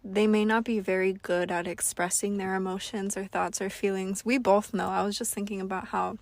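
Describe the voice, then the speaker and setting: A young woman co-hosting a podcast, chatting casually in an animated, gushing way. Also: medium pitch, normal speed, no echo. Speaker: podcast co-host.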